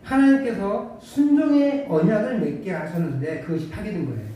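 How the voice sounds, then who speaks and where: This pastor speaks in a high-pitched, animated, dark-toned voice, fairly quickly, preaching a conversational sermon of rhetorical questions and dry humor. The setting is a church sanctuary, recorded distantly in the echoey hall with faint hiss.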